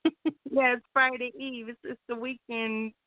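A woman's voice: on the high side, flat delivery, measured pace, dry recording. A woman calling into a radio show over a phone line, cheerful and giggly. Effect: call-in voice over a phone line.

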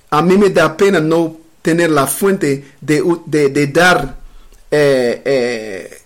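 A man leading a live-streamed bible study, reading verses aloud and explaining them in a halting way, with many fillers and restarts. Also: a little high. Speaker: bible teacher.

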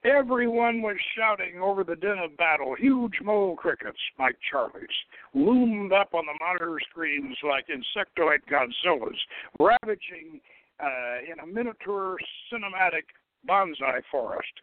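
The host performs a dramatic reading of the satirical science fiction he wrote, now and then stumbling and correcting himself. He sits high in pitch and sounds expressive at a measured pace. The audio has no echo and comes through a lo-fi, phone-like radio line.

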